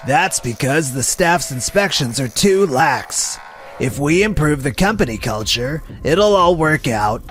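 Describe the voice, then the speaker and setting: For a comic dub, a man voices a smug supermarket executive who is defensive, dismissive and self-justifying. His voice sits on the high side, animated and fairly bright, delivered a little slowly over faint music.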